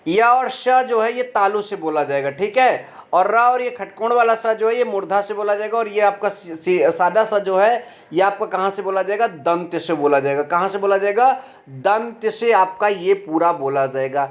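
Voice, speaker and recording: A man teaching an online grammar lesson. He explains step by step, asks his own questions and answers them, and sounds out letters slowly and clearly. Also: sits high.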